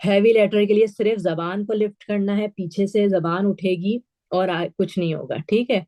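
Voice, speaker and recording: A woman's voice: mid-range voice, steady tone, warm tone. Patient woman teaching Quran recitation. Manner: patient, repeats sounds slowly for pupils; mixes English words into Urdu. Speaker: tajweed teacher. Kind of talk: online class instruction.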